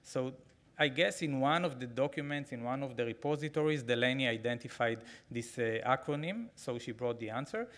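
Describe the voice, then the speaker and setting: At a podium microphone in a large conference hall, a man in his forties with an Israeli accent gives a keynote talk that includes a live demo. His voice is medium-pitched and a bit bright, and his speech halts often with fillers and restarts.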